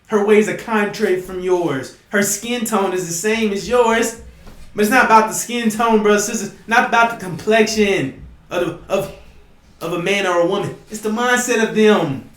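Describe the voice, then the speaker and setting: A man preaching emphatically to his listeners, often asking "you see?" and sometimes rising to a shout. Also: high voice, normal speed, echoey room. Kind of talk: impassioned preaching monologue.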